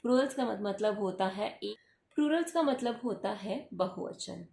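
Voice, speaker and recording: A woman's voice: medium pitch, animated, normal speed, creaky, dark tone. A woman teaching a worksheet lesson, explaining English words patiently and spelling them out letter by letter. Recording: echoey room with faint background hum.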